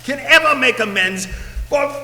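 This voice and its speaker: A man playing the raspy, mock-solemn ghost of a dead business partner in a comic stage play, recorded in a reverberant hall. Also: very high-pitched, lively intonation, a little slow, pushed and bright, exaggerated voice. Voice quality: put-on raspy voice. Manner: theatrical, mock-solemn with jokes and laughter. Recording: roomy hall with long reverb, faint noise.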